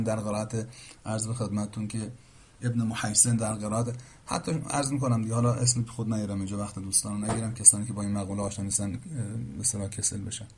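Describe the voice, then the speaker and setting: A man explaining Quranic reading variants in a formal, patient lecture, reciting verses and often trailing off quietly at the end of phrases. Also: mid-range voice, breathy edge. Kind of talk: explanatory lecture answering a question.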